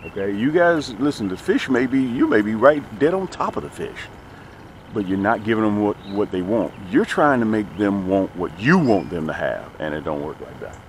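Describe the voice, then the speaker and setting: Out on a lake in a small boat, this middle-aged man runs a fishing channel and talks to viewers in a relaxed, folksy manner. His voice sits on the low side, expressive and at normal speed, and he is emphatic, often repeating phrases. Outdoor noise is picked up by a small action camera mounted near him.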